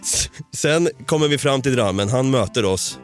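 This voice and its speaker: Over faint background music, a man from Sweden swears a lot and laughs as he enthusiastically recounts a story during a relaxed podcast conversation. He speaks in a mid-range voice.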